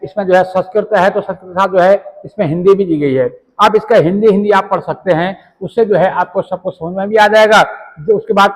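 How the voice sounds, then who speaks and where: High-voiced man teaching devotional practice. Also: big-room sound, low-quality recording. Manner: rambling, repeats "jo hai" fillers, recites Sanskrit mantras. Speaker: religious teacher. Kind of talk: devotional instruction.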